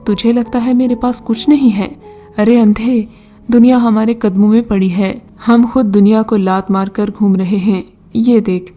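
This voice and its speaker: A woman's voice: on the high side, fairly even intonation, warm tone, faint music behind, natural voice. A woman voicing a mocking old male jinn who gives scornful, brusque commands in a storybook reading.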